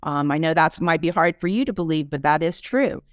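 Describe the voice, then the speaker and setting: A woman's voice: low-pitched, expressive, fairly quick, dry recording, studio quality. A woman hosting a faith-based business podcast, teaching in an emphatic, preachy way and reading testimonials aloud. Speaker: podcast host and business coach. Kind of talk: motivational teaching talk.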